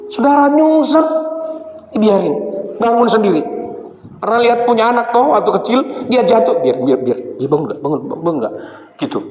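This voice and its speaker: A man preaching as a pastor, mixing sung hymn lines with chuckling everyday stories. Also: extremely high pitch. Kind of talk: sermon. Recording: echoey church hall with faint ambience.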